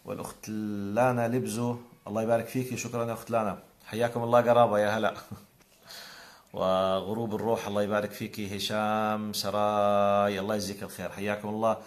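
A man with a Jordanian Arabic accent hosts a live call-in broadcast, greeting viewers one by one with warm religious blessings in a conversational manner. His voice sits on the low side, with little pitch movement and a quick pace.

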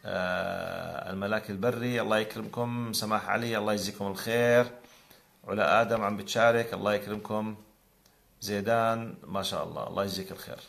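Here a call-in show host speaking Jordanian-accented Arabic welcomes viewers individually on a live broadcast, offering warm, conversational religious blessings. He talks fast in a lowish voice with fairly even intonation and vocal fry.

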